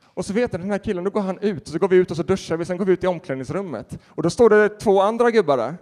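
A man who is a pastor, preaching a sermon and telling stories in a lively way with acted-out quotes. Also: high voice. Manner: animated storytelling with laughter and acted-out quotes. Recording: reverberant hall.

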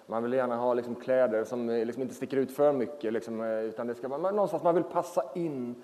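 Chatty preacher in a reverberant church. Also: male voice, medium pitch. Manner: relaxed, chatty, many fillers. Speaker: pastor. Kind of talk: sermon. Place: church hall.

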